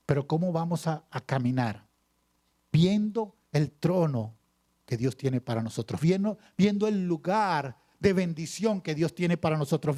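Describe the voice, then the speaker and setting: A male pastor preaching a sermon, reading scripture aloud and pausing for emphasis with repeated phrases. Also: a little high, darkish tone. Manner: preaching with dramatic pauses and repetition.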